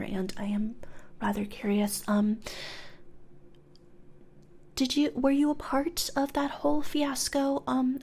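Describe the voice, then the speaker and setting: Close to a studio condenser mic, a woman with a fairly high voice plays a blithe corporate recruiter for hell in a soft-spoken ASMR roleplay. She sounds hesitant and conversational, often drifting into whispers.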